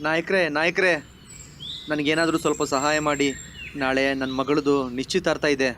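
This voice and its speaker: A man's voice: fairly high pitch, normal speed, a bit bright, a little hiss or hum, lightly acted. An actor playing a poor, desperate father who begs for mercy after robbers take his savings. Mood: despairing. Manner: pleading, wailing. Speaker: father of a bride-to-be. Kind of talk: film dialogue, dubbed.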